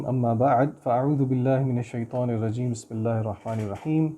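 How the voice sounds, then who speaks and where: A man teaching a Quran recitation and tafseer lesson, chanting verses slowly and melodically, then explaining them in quick conversational speech. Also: mid-range voice, warm tone.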